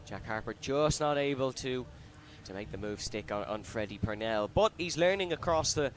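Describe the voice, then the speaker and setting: A man's voice: medium pitch, expressive, moderate pace. A man giving live motorsport commentary, calling the race in running play-by-play that rises with the action. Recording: loud engine and outdoor track noise. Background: kart engines at an outdoor circuit.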